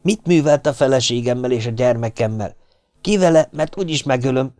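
A man's voice: medium pitch, expressive, a little mellow, dry recording, clean studio sound, natural voice. A man voicing a grim, vengeful ape-man who speaks in a stern, cold, threatening way.

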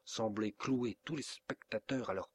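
A man with a French accent reading a classic novel aloud as an audiobook narrator, steady and measured. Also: lowish voice, breathy edge.

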